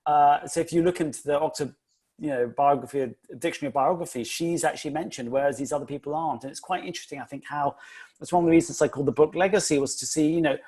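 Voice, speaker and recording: A man's voice: fairly high pitch, fast, darkish tone. A man, an author, talking about his family history book at a panel event in a thoughtful, conversational way with frequent fillers.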